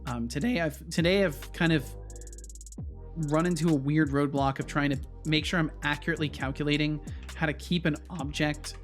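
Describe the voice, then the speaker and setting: Higher-pitched man streaming casually over music. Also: fairly even intonation, moderate pace. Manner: thinks aloud, hums to himself. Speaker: game developer livestream host. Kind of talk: casual livestream chat while coding. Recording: music behind the voice.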